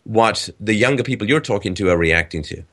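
A man hosting an animated, casual discussion. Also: fairly low pitch, brisk. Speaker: podcast host.

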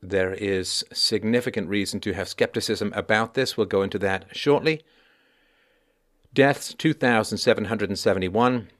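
A man hosting a news commentary show, reading out reports with deliberate, emphatic phrasing. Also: lowish voice. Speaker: online commentary show host.

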